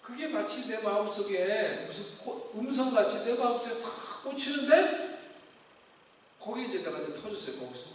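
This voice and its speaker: A middle-aged male pastor preaching a sermon, moving from a quiet, emotional personal testimony to a fervent exhortation of the congregation. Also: very high-pitched, a little hiss or hum. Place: large church sanctuary. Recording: echoey church hall from far off.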